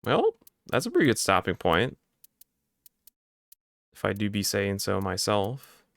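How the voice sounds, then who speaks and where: A male game streamer talking casually in a creaky voice. He speaks slowly and informally, with lively swings of pitch, sounding dry and close. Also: dry recording. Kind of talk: casual live gameplay commentary.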